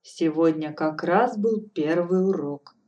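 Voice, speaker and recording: A woman's voice: low-pitched, slow pace, dark tone, dull audio. Woman voicing a blunt old fortune-teller. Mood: cheerful. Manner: cool, matter-of-fact, firmly lecturing. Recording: distant from mic, faint music behind.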